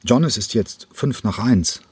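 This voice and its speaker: A timid young female ballet dancer speaks politely but firmly, her voice lifted above the reader's low register, as a man puts her on for an audiobook. The tone stays husky and dry. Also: measured pace, a little mellow, no echo. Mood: hesitant. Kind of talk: audiobook character voice.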